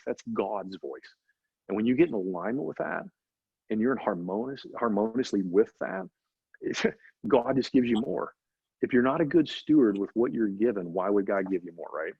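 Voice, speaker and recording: A middle-aged man, an interview guest, telling animated faith-driven stories and often asking "right?". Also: fairly low pitch, vocal fry, breathy edge, dry recording. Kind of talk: casual storytelling interview. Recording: dry, slightly dull recording.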